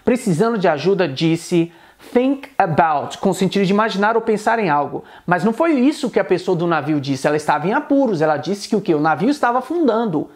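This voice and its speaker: A man gives an online English pronunciation lesson, explaining patiently and saying example words slowly, over and over. He speaks with a high pitch and lively intonation.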